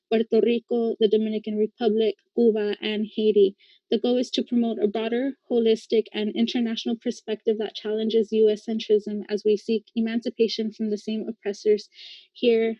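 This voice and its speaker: A woman hosting an online talk, introducing the program and the guest in a measured way and dropping in Spanish words. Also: a little high, no room sound. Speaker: event host. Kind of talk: reading an introduction on a video call. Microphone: video call. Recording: dull lo-fi call audio.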